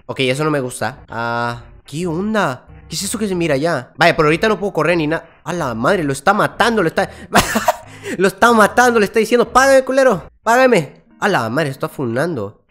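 Jumpy Mexican man gaming, yelling when startled. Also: a little high, expressive, brisk, faint music behind. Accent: Mexican Spanish. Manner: jumpy, swears a lot, yells and laughs when startled. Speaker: gaming YouTuber. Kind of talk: horror game let's play commentary.

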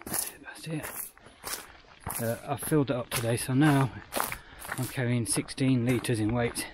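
A man's voice: mid-range voice, steady tone, unhurried. An Australian man vlogging as he hikes a bush trail, talking plainly and matter-of-factly about his pack. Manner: plain, matter-of-fact, thinks aloud about numbers. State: panting on a climb. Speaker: hiker vlogger. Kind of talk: casual outdoor vlog. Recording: noisy outdoor recording.

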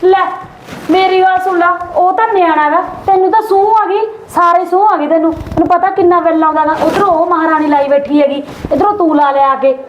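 A woman's voice: extremely high pitch, steady tone, fairly quick. A woman playing a nagging, taunting sister-in-law. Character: sharp-tongued, stingy sister-in-law. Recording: echoey room, dull sound, faint hiss.

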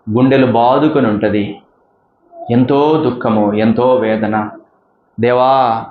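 A male pastor delivers a sermon with fervent, repeated appeals, his voice swelling and dropping. The sound is dull and roomy, with a faint hiss underneath. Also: medium pitch. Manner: preaching with rising fervor, repeated appeals.

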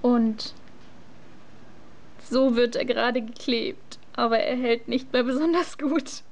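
A woman giving casual gameplay commentary on a headset, excitable and swearing at the game. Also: a little high, slow. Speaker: let's play gamer.

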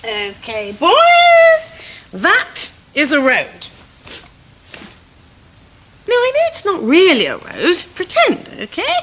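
A middle-aged woman playing a brisk, fond but exasperated scout leader in a children's comedy, giving bossy, patient instructions outdoors. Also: very high voice, huge pitch swings, a bit bright, heavily acted. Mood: instructing. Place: outdoor garden set.

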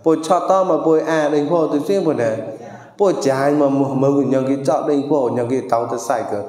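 A man's voice: medium pitch, steady tone, moderate pace, mellow. Man declaiming in an echoing hall. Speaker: traditional stage performer. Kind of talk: traditional Mon verse performance. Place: monastery hall. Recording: echoey hall with long reverb.

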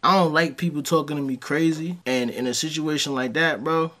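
A man's voice: on the high side, fairly even intonation, brisk, bright, forceful tone. A man hosting a reaction video, giving blunt casual commentary on clips. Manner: blunt, conversational, lecturing.

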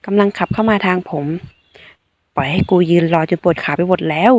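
A woman's voice: lowish voice, fairly quick, lo-fi sound. A woman reading a romance web novel aloud, narrating in a blunt, slangy first-person voice. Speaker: audiobook reader.

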